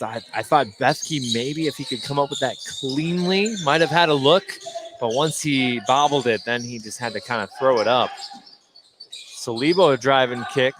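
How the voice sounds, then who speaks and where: An American man, working as a play-by-play sports announcer, calls a live high school basketball game for radio from courtside in a school gym. It's a noisy gym broadcast, with ambient gym sound and balls bouncing behind him.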